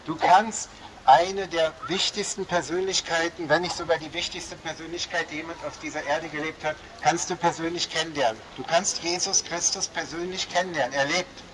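On a rainy shopping street, beneath a small roof, a man from Berlin gives a fervent open-air sermon in a light Berlin accent, saying "ja" and "Halleluja" often. His voice is on the high side, with fairly even intonation and a moderate pace. He's heard over a small loudspeaker with noisy street sound in the background.

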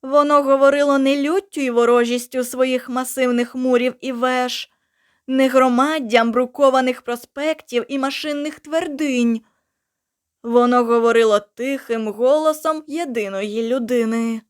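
A woman narrating a science fiction audiobook in a measured, dramatic storytelling manner. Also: high voice, fairly even intonation, clean tone.

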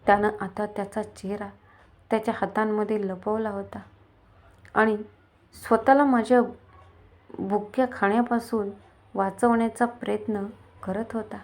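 A woman narrating a dramatic story in the first person with expressive storytelling. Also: medium pitch, a little slow, pauses often.

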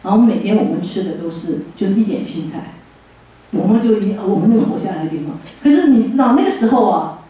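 An older woman from Taiwan with a Taiwanese Mandarin accent, sharing a heartfelt personal testimony as guest speaker at a church fellowship, telling it in an animated way with chuckles. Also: mid-range voice, fast talker. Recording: echoey hall from far off.

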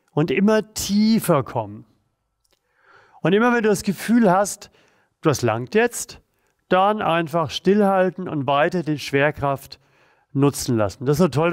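A man leading a guided exercise routine, calm and encouraging, talking while he does the moves himself. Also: a little high, dry recording, studio quality. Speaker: therapy coach leading exercises.

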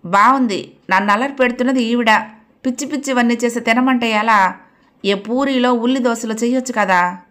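A woman's voice: on the high side, a little fast, a bit bright, voice pushed up, natural voice. A woman reading the lines of a lazy, petulant teenage son who complains about his breakfast. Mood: irritated. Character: sulky teenage boy, lazy, grumbling.

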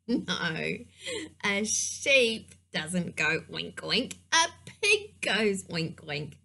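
A woman's voice: medium pitch, very animated, extremely slow, vocal fry, bright, forceful tone. A woman teaching preschoolers, talking to the children in a playful, sing-song way during a puppet-show lesson.

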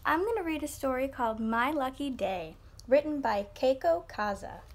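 A teacher reading a picture book aloud to a child in an online class, expressive with a storyteller's lilt. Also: female voice, high-pitched, normal speed. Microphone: computer mic on an online class.

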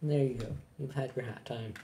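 Brisk and steady in tone, the mid-range voice of a co-playing gamer on a shared controller delivers playful, sarcastic banter during gameplay. There's background noise, a roomy echo, and video game music and sounds behind.

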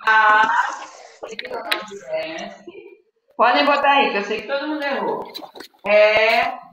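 Brazilian woman teacher, higher voice, slow and patient, quizzes kids on a live stream. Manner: slow, patient, reads word lists aloud and quizzes pupils. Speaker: schoolteacher. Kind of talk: live online Portuguese lesson for children. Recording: echoey room, dull lo-fi audio with faint noise.

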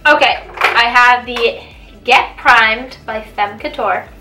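A woman's voice: a little high, slow, over music. A young woman chatting casually and playfully while doing her makeup on camera. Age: young adult. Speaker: beauty vlogger. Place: small room indoors, seated at a table. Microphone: camera a few feet away. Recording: roomy, distant mic, background noise, clinking.

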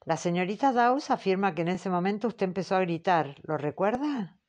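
Formal male interrogator, measured and patient; woman audiobook reader doing him. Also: mid-range voice, animated, a little mellow, lightly acted. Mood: probing. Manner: slow, formal, questioning. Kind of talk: audiobook character reading.

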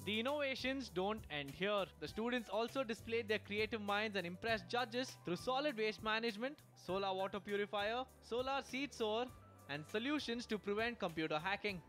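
A man's voice: high-pitched, animated, normal speed, fairly bright tone, faint music behind. A man reading a scripted news voice-over in a punchy, upbeat way. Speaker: news reporter.

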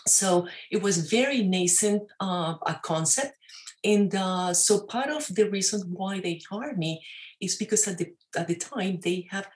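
A woman's voice: medium pitch, lively intonation, measured pace. A woman in her forties from Venezuela with a Venezuelan Spanish accent, talking animatedly as a guest on a video call, gesturing and dropping frequent fillers and tag questions. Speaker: guest entrepreneur. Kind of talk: casual interview talk. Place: wood-panelled office, indoors. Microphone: webcam on a video call.

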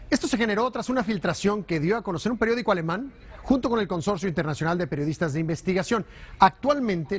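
High-voiced male news correspondent. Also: husky. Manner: brisk, formal newscaster delivery. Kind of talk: news report and voice-over. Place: newsroom studio.

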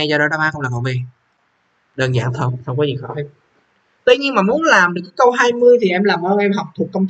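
A man's voice: fairly high pitch, a bit bright. A young man, walking students through an English exam, repeating question numbers and checking they follow. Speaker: English teacher. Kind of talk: exam walkthrough lesson.

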